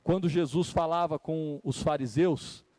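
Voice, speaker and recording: During a live church service, a Brazilian man preaches in a conversational way, speaking directly to his listeners and repeating phrases for emphasis. His voice is a little high and darkish in tone, unhurried, and recorded dry.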